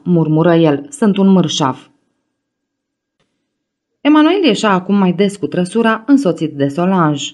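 A woman narrating a literary audiobook in a measured, even reading. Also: fairly low pitch.

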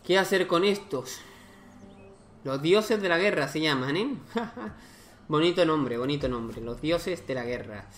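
A man gives loose, casual let's-play commentary, thinking aloud and breaking into exclamations. His voice sits a little high. Faint music plays underneath. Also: lively intonation, slow pace, a bit bright. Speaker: gaming YouTuber.

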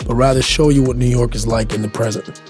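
A man reads a scripted documentary voice-over in a measured, questioning way. His pitch sits in the middle range. Music runs clearly under his voice. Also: steady tone. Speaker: documentary narrator. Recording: music bed behind the voice.

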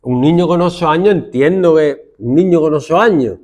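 A man's voice: fairly high pitch, moderate pace. A male secondary school teacher with a Spanish accent from Spain, lecturing his class and mimicking his students' complaints. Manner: lively, lecturing, acts out students' complaints in mocking voices.

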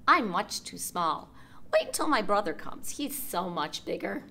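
A woman's voice: mid-range voice, big pitch swings, measured pace, pushed and bright, exaggerated voice. A woman voicing the littlest billy goat, a small young male goat with a small, pleading voice in a storybook.

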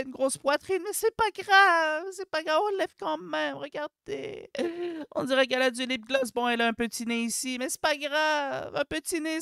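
A gaming commentator with a Québécois accent, ranting in a comedic video, exaggerated and slangy, swinging between mock sweetness and outrage while addressing viewers as ladies and gentlemen. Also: sits high, creaky, dry recording, studio quality. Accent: Québécois French.

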